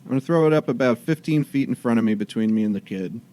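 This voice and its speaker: A man's voice: medium pitch, lively intonation, fast talker, mellow. A man playing a tabletop game, chatty and thinking his moves through aloud with many fillers. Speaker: player. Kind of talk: casual tabletop game play.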